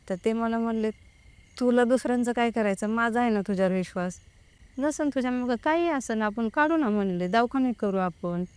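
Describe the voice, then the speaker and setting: In a dry, clean recording, a young woman with a mid-range, dark-toned voice shares a personal experience as a guest. It's a casual spoken account, and she retells it largely through quoted exchanges with the people involved.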